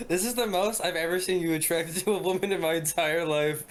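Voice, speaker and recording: A man's voice: high voice, a little hiss or hum. A young man co-hosting a let's-play, teasing his friend and laughing easily. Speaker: gaming co-host. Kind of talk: casual let's-play chat.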